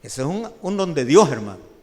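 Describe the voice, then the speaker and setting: Animated Salvadoran preacher in echoing hall. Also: male voice, fairly high pitch, a little fast. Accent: Salvadoran Spanish. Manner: animated storytelling, often says "hermano". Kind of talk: sermon testimony. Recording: long hall reverb.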